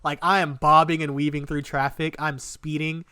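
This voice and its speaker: A young man telling a long personal story on a podcast in a casual, animated way, swearing freely. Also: fairly high pitch, normal speed, clean tone, no room sound, clean studio sound. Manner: animated, swearing a lot, quotes himself in lively bursts. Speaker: podcast co-host.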